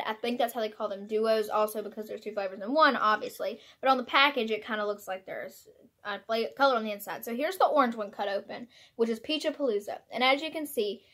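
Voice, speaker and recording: Young female vlogger, bubbly and giggly, slightly high voice, casual taste-test chat. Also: fairly bright tone. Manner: bubbly, giggly, exclaims and laughs often.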